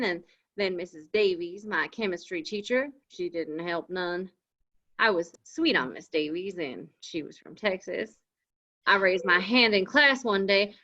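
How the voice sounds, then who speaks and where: A woman's voice: medium pitch, pushed and bright. A woman doing a folksy cowboy-drawl young man. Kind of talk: live script reading. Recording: dull lo-fi audio.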